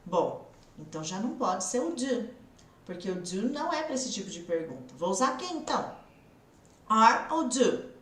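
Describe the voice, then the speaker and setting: A woman's voice: medium pitch, a little fast, reverberant, distant mic. Woman, São Paulo countryside accent, online English teacher, coaxing, mic set back from her. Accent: São Paulo countryside Brazilian Portuguese. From interior of São Paulo state, Brazil. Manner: lively, coaxing, drills students with questions.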